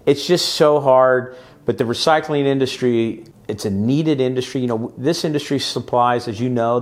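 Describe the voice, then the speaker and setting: Middle-aged man, podcast host, chatty and upbeat, keeps the questions coming. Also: mid-range voice. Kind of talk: casual interview chat.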